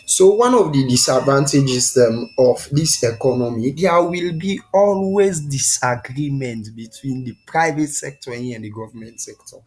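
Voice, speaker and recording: A man's voice: medium pitch, measured pace, hardly any pauses, darkish tone, rough recording. A man with a Sierra Leonean accent, teaching an informal online lesson in West African Krio-style pidgin English. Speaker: teacher and presenter of an online class.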